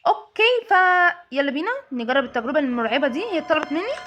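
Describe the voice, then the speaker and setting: A woman with an Egyptian Arabic accent hosting a horror game let's-play, excitable and jumpy as she talks through her fright. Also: high voice, quick pace. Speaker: gaming channel host.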